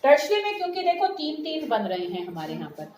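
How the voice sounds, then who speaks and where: Woman chemistry teacher, high voice, echoey classroom, keeps checking the class follows. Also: sing-song, fast talker, a little mellow. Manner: checks understanding often, calls students "beta". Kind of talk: classroom lecture mixing Hindi and English terms. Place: classroom with students answering. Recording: echoey room with faint noise.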